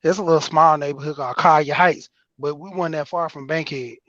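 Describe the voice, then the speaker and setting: A man's voice: on the high side, steady tone, fairly quick, a bit bright, no echo, muffled recording. A man with an Atlanta accent, chatting casually, hesitant and trailing off as he restarts sentences. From New Mexico. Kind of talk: casual podcast chat.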